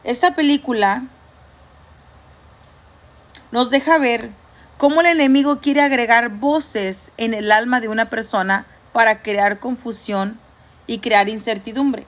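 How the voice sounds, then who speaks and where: A woman preaching a sermon with a somewhat high voice. She talks to the congregation in a loose, conversational way. She sometimes acts out inner voices and jokes. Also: a little slow, pauses often. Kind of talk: church sermon.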